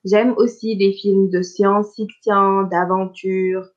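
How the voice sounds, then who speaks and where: Here a French conversation partner, a woman from Tunisia with Arabic as her native language, leads a slow practice conversation. Her medium-pitched delivery is flat, but she's patient and clear, repeating questions as needed, and the audio is lo-fi.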